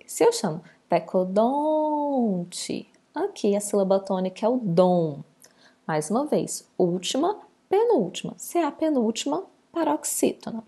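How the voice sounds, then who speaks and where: Woman teacher, slightly high husky voice, lively sing-song delivery, slow patient syllable drills for kids. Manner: patient, stretches out words syllable by syllable. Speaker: primary school teacher. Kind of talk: recorded remote lesson for children.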